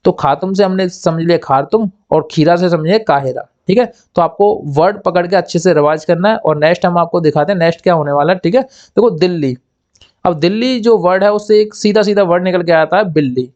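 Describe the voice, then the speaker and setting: An exam tutor with a high, darkish voice teaches memory tricks at a brisk pace. He repeats key words, answers his own questions, and voices characters in little acted-out scenes, and the recording is lo-fi.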